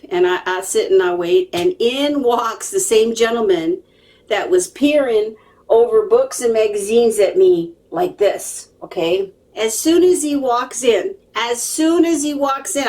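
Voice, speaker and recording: Her voice sits on the high side with a darkish tone, and the mic is distant. She tells viewers a story casually and with animation, wandering off on digressions, stressing points and regularly checking in with her audience.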